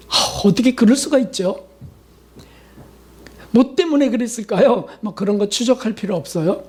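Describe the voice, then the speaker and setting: A male pastor with a high-pitched, warm voice preaches a sermon. He acts out prayers and quotes and poses rhetorical questions to the congregation.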